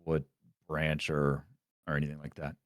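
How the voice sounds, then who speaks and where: A man narrating as game master, explaining in a relaxed way with many fillers. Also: extremely low pitch, normal speed, no echo, studio quality.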